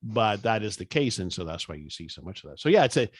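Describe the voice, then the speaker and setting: Relaxed Cuban-born man with neutral speech. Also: on the low side, quick pace, dry recording. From Cuba. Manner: relaxed, chatty storyteller. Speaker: podcast co-host. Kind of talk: casual podcast chat.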